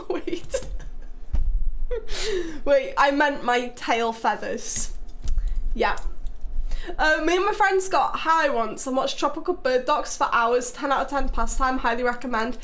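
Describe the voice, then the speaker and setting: Chatty, sweary high-voiced English woman. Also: fairly bright tone. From England. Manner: chatty and sweary, quick laughs, playful teasing. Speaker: livestream host. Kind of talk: casual live stream chat reading comments.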